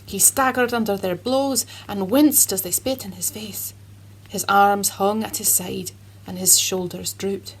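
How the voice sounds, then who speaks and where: A woman doing a husky Scottish storyteller man. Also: mid-range voice, steady tone, a little slow, low-quality recording. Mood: solemn. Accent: Scottish (put on). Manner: earnest, dramatic narration. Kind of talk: children's Bible storytelling.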